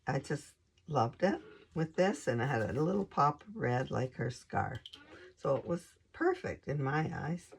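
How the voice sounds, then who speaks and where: On her craft channel, a woman with a deep, hoarse, expressive voice walks through her scrapbook pages. Her manner is relaxed and unhurried, full of hesitant ums.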